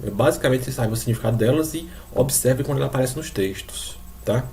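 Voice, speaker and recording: A man's voice: mid-range voice, fast, vocal fry, warm tone, slight background noise. Patient Brazilian man teaching a class. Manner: explains patiently, repeats examples, checks in with students. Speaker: Spanish teacher. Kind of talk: recorded online class lecture.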